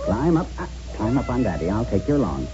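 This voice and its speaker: An actor playing a genial, eccentric castle owner with a theatrical, musing manner in a radio drama. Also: male voice, lowish voice, sing-song, fast, music in the background. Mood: fussy, soothing. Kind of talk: 1970s radio drama acting. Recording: dull lo-fi radio recording, faint noise.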